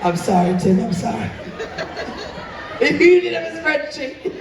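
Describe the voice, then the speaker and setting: A man's voice: very high-pitched, big pitch swings, a little slow, crowd noise. A man working as an upbeat cruise director, hosting a live couples game show in a teasing showman's manner. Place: large indoor show venue on a cruise ship. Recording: echoey hall, distant, faint background noise.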